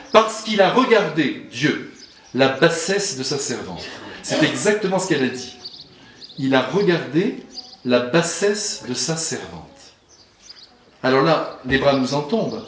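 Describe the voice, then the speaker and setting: A fairly high-voiced priest delivers a sermon, theatrical and animated, one moment booming and the next dropping to a hush. He questions his audience directly, and his voice rings around an echoey hall. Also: a little hiss or hum. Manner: animated and theatrical, swings between booming emphasis and hushed asides; addresses audience directly, asks them questions.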